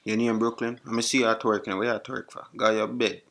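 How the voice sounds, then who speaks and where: A man's voice: lowish voice, flat delivery, fast talker, gravelly, a bit bright, a little hiss or hum. Brash young Jamaican guy, put on by a man, heavy patois, teasing and blunt. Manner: teasing, repeats questions, blunt. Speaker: vlogger chatting with strangers on a voice app. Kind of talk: put-on accent prank chat.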